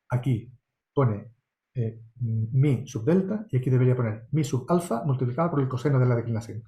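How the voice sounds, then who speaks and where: A man's voice: mid-range voice, warm tone, echoey room. A man from Spain answering course questions as an astronomy lecturer, meticulous and explanatory, often checking in with tag questions. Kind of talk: online course Q&A.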